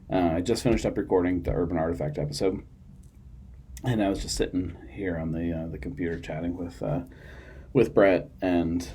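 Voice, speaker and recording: A man's voice: low-pitched, warm tone, slight background noise. A man hosting a podcast on his own in a small studio, tired and yawning, chatting in a loose, rambling way with lots of fillers and restarts. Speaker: podcast host. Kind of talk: casual solo chat.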